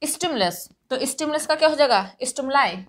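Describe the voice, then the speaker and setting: A woman with an Indian accent gives an exam-prep English grammar lesson for competitive exams, her high, expressive voice moving fairly quickly. She explains patiently and checks in with students often.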